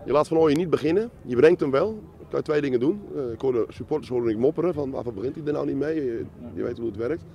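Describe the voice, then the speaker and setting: A man's voice: mid-range voice, quick pace, hardly any pauses, mellow, dull audio. A man, a sports reporter asking short, direct questions in a post-match interview outdoors.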